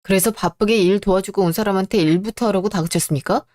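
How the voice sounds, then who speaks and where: A hardworking younger son worn down by years of family favoritism, voiced by a woman. He speaks bluntly, with steady bitterness. It is a close, dry radio-drama read. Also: mid-range voice, fast talker, dry recording, close to an everyday voice. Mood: bitter.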